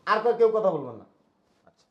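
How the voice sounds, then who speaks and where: A man playing a harried lawyer calling for calm. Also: sits high, quick pace, highs cut off. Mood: firm. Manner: pleading, calming. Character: harried lawyer trying to keep order. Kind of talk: Bangla drama acting. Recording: echoey room.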